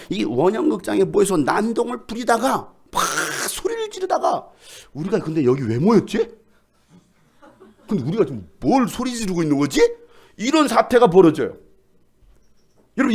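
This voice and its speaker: Animated, high-voiced male pastor. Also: vocal fry, breathy edge. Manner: animated, shouts and jokes with the congregation. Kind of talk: lively sermon. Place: church sanctuary.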